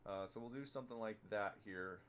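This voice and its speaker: A man narrating as dungeon master, talking in a halting way with many fillers and restarts. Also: lowish voice, a bit bright, a little hiss or hum. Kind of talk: narrating a tabletop game.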